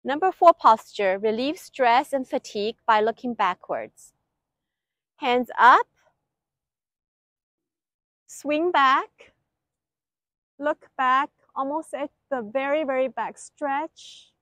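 A woman with a high voice leads an exercise class as its instructor. She gives one short, clipped direction at a time at a slow pace. The sound is close and dry. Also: a bit bright, no room sound. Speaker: qigong instructor. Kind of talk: exercise instruction, step-by-step cues. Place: outdoor lakeside paved terrace.

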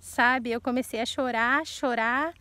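A woman's voice: fairly high pitch, steady tone, unhurried, bright, forceful tone, dry recording. A woman, in her thirties, telling an earnest personal faith testimony straight to her listeners and repeating words for emphasis.

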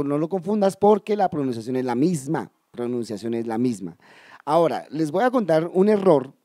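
A man teaching English in a video lesson, explaining step by step, addressing viewers directly and slowly repeating key words. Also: medium pitch, mellow, dry recording, studio quality. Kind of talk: video lesson for Spanish speakers.

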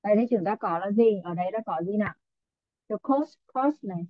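A woman's voice: medium pitch, expressive, a little fast. A woman teaching an online English class, coaxing her students and echoing their answers. Her voice comes through a narrow, tinny line with no room sound around it. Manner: coaxing, calls on students, repeats answers back. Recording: tinny phone-like online audio.

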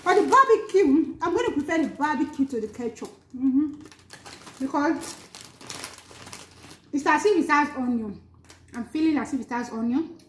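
A woman's voice: high-pitched, animated, moderate pace, long pauses. A woman in her thirties giving a casual snack-tasting review, thinking aloud and murmuring as she crunches chips. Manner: musing aloud while crunching chips, murmuring mm and hmm between phrases. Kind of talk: casual food-tasting vlog. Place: small bare indoor room. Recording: echoey room, clear background noise, crinkling packets. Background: crinkling chip bags, crunching, noise.

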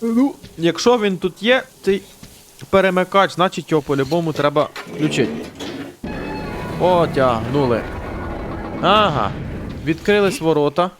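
A man's voice: fairly high pitch, lively intonation, normal speed, pauses often. A man giving casual let's-play commentary, chatty, swearing and joking to himself as he plays. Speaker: gaming channel host. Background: game music and gunfire.

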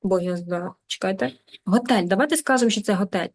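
A woman's voice: mid-range voice, quick pace. Ukrainian woman teaching English online. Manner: lively, coaxing, repeats words for pronunciation. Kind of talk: live online lesson.

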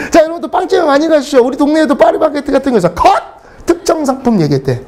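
A man's voice: very high-pitched, lively intonation, fast, a little mellow, a little hiss or hum. A middle-aged man teaching English, telling blunt, comic classroom stories and swearing freely for laughs. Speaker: English lecturer. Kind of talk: lively classroom storytelling.

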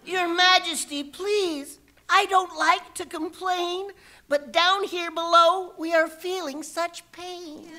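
A small, humble turtle pleads politely with his king, as a woman acts him out. His voice is very high and bright, and he speaks very slowly with a groaning plea. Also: steady tone, exaggerated voice. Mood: pleading. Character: small meek male turtle at the bottom.

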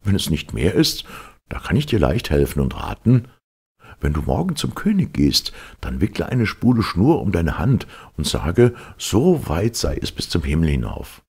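A man's voice: sits low, big pitch swings, moderate pace, creaky, a little mellow, slightly rough, pitched above the performer's own voice, heavily acted. A man doing a kindly, reassuring old friend.

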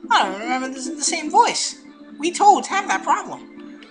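A squeaky little mushroom creature chirps in a high, excitable voice, as a man puts it on. Cheerful video game music plays clearly underneath. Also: moderate pace. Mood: grateful.

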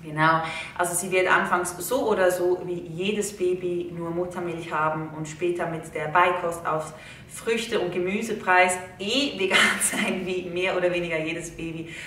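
A young woman with a bright, forward voice explains things casually to her viewers, talking in a chatty, earnest way. She sounds a little low for a woman and sits some distance from the mic in a very echoey living room. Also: fairly even intonation, normal speed, a little hiss or hum. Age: young adult. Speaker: video host. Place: living room indoors, seated in an armchair.

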